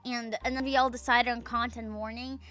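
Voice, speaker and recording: A young woman VTuber streams while casually chatting and reading chat aloud, rambling, swearing and leaning on fillers, with sentences left half-finished or trailing off. Her voice is fairly high and fairly quick, pushed and bright, with little pitch movement.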